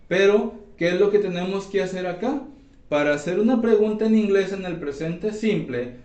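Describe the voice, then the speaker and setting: A man teaching an English grammar class, explaining slowly and checking in with his students often. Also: a little high, darkish tone. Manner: slow, repeats and checks with "¿sí?". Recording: echoey room, voice from far off.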